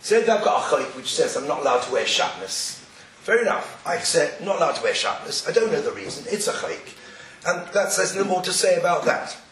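A man with a croaky voice giving an explanatory Torah lecture, deliberate and sprinkled with Hebrew quotations. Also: fairly high pitch, big pitch swings, a bit bright. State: croaky, getting over an illness. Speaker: religious lecturer. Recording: roomy, distant, noisy recording with clicks.

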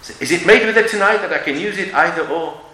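A man's voice: on the high side, animated, quick pace, pushed and bright. A man giving an emphatic religious lecture with stories and rhetorical questions, sprinkling in Hebrew and Yiddish terms. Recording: echoey room with background noise.

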